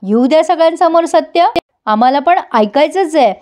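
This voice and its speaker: A courteous young suitor pleads politely, as a woman plays him. The voice stays high, with little attempt to sound like a man. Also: animated, normal speed, a little mellow. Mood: pleading.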